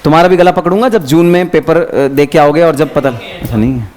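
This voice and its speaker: Man, revision lecture, chatty teacher, slightly high voice. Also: brisk. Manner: lively, chatty, addresses students by name, mixes English terms. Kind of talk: exam revision lecture to students.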